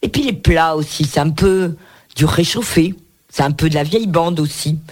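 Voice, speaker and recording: A man's voice: fairly high pitch, moderate pace. A man hosting a radio book segment, presenting a cookbook in a chatty way with playful asides. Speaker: radio book show host. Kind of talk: reviewing books on air.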